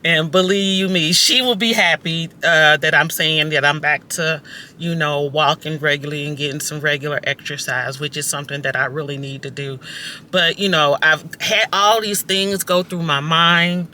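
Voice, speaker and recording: Chatty fifties woman, bright sharp voice. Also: low-pitched, fairly even intonation, moderate pace, slight background noise. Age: 50s. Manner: chatty, talks straight to viewers, many fillers. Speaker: vlogger. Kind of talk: casual self-filmed vlog chat. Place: outdoors at a park and in a parked car.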